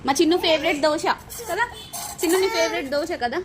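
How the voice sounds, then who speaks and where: A young mother with a very high voice talks to her toddler at home, coaxing and scolding him in short, repeated commands. Her words come in quick bursts of instructions to eat, look and stop crying. A faint hiss of household noise sits behind her. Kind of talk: casual home vlog. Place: family home.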